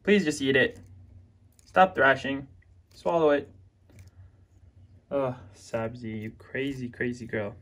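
A man hosting a casual vlog in the reptile room of his home, talking affectionately to his lizards as he feeds them, with excited exclamations. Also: medium pitch, slow, long pauses. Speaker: reptile keeper and channel host. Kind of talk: casual vlog narration while feeding pets.

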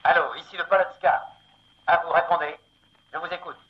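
Un homme joue un opérateur radio de navire dont la voix arrive par un récepteur radio grésillant, appelant avec insistance. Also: male voice, fairly high pitch, steady tone, brisk. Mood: insistent. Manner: urgent, calling out repeatedly. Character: radio operator on a ship, adult man, insistent. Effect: voice heard through a crackly radio receiver. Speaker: ship's radio operator. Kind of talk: 1960s television drama acting. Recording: dull, slightly noisy 1960s television sound.

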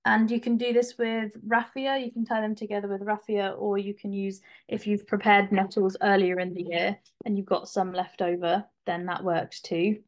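A woman's voice: medium pitch, little pitch movement, normal speed, hardly any pauses. A woman giving a chatty, informal craft demonstration in a live webinar, on a home video call. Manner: chatty, informal, with fillers and restarts. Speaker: craft presenter.

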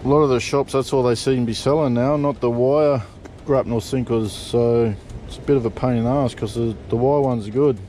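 A man's voice: medium pitch, fairly even intonation, fairly quick, hardly any pauses, warm tone, slight background noise. Laid-back swearing Australian man. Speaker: fishing vlogger. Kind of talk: casual how-to chat. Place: back of a parked vehicle outdoors. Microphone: point-of-view body camera.

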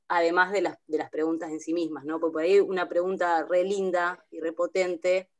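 An Argentine woman on an online panel speaks in a lowish voice. She reflects casually and thinks out loud as she talks, in an easy conversational register. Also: flat delivery, fairly quick. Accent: Argentine Spanish. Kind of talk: video-call panel discussion.

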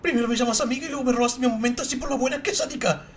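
A man voicing a gloomy, prickly young woman novelist in a fan dub of a video game, in a shrill, haughty voice. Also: fairly even intonation, rapid-fire.

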